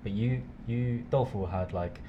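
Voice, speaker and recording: A man's voice: lowish voice, a little slow, highs cut off, noisy background. A man from the UK co-hosting a casual podcast, chatty and hesitant with many fillers. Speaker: co-host.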